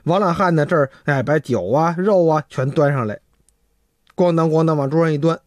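A man's voice: on the high side, moderate pace, a little mellow, no echo, clean studio sound. A man telling a folk tale with vivid sound words. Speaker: storyteller.

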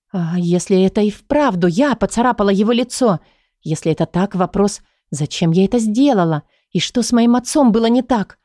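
A woman's voice: medium pitch, darkish tone, no echo, clean studio sound. A woman narrating a first-person audiobook, emotively voicing the troubled heroine's thoughts and lines.

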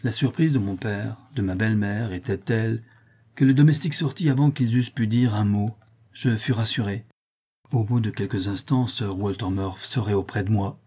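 A man reading a classic novel aloud as an audiobook, in a measured, expressive way. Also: fairly low pitch, slightly rough. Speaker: audiobook reader. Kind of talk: literary audiobook narration.

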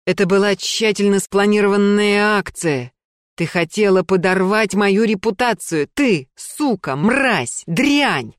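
A woman reading an audiobook, voicing a furious, paranoid man who shouts accusations. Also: high voice, lively intonation, unhurried, no room sound, studio quality. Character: furious paranoid ex-husband, middle-aged man.

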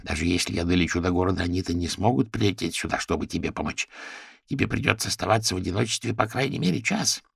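A man's voice: sits low, lively intonation, quick pace, vocal fry, breathy edge, no room sound, studio quality, full character voice. A man reading an audiobook, voicing a bossy, worried female crow who scolds and fusses. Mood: scolding. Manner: scolding, fussing.

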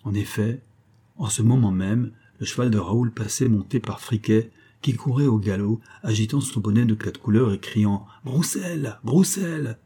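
Low husky male audiobook narrator. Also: steady tone, moderate pace, dark tone. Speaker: audiobook reader.

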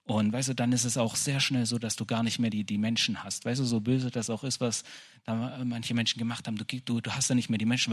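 A man preaching in a loose, conversational way, with many restarts and little asides. His voice sits at a middle pitch and has a husky, breathy grain. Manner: conversational, repeats "weißt du", restarts often. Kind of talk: informal sermon.

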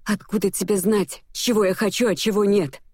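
A defiant young woman, as the woman narrating puts her on demands answers in a raised, forceful voice. The audiobook recording is close and dry. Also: medium pitch, expressive, normal speed, husky, no room sound, voice pushed up.

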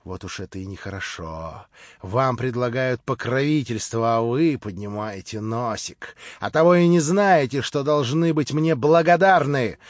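Man as a smooth, two-faced nobleman. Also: on the low side, a little slow, no room sound, lo-fi sound, natural voice. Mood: spiteful mocking. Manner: unctuous, persuasive, turning mocking. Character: smooth hypocritical middle-aged nobleman, spiteful beneath.

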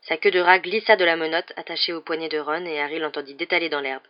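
An audiobook narrator reading a novel aloud in a steady, dramatic way. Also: medium pitch, quick pace, highs cut off.

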